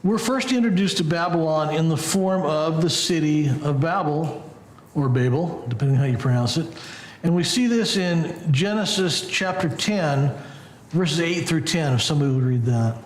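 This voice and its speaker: A man's voice: on the high side, animated, normal speed. A man leading a group Bible study in a conversational way, with restarts. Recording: echoey room with faint hiss.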